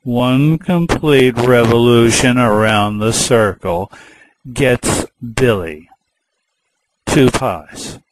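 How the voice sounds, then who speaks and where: A male teacher explains math at a very slow, deliberate pace. He repeats key words patiently and builds each point through a small story. Faint background hiss runs under the recording. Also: mid-range voice.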